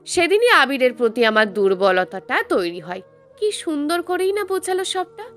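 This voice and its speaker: A young woman narrating a first-person romantic audio story in an expressive, emotive way, with faint music underneath. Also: high-pitched, normal speed.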